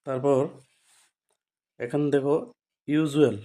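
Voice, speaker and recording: A man's voice: mid-range voice, steady tone, unhurried, dark tone. A man with a Bengali accent teaching an English grammar lesson. He repeats each rule and keeps asking questions to check that students follow. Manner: repetitive, checks understanding with frequent rhetorical questions. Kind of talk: classroom-style grammar lesson.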